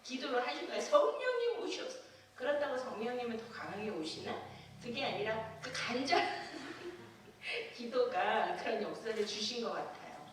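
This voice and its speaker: A woman pastor preaches in a fairly high voice, swinging widely up and down as she acts out her story and laughs along. She sounds far from the mic, with heavy church echo and faint ambient noise. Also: normal speed. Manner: animated testimony storytelling, acting out scenes, laughing often. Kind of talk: sermon. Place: church sanctuary.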